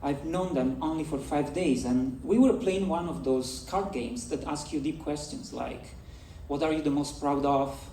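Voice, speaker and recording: A man's voice: on the high side, normal speed, hardly any pauses, mellow, slight background noise. A man from Italy with an Italian accent, giving a storytelling keynote talk on a festival stage and addressing the audience directly. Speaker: conference speaker. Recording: echoey hall, voice from far off.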